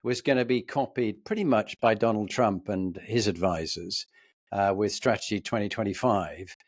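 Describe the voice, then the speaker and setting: A man hosting a leadership podcast, introducing his guest and asking long, formal questions in a measured way. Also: on the low side, no room sound, studio quality. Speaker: podcast host. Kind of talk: podcast interview.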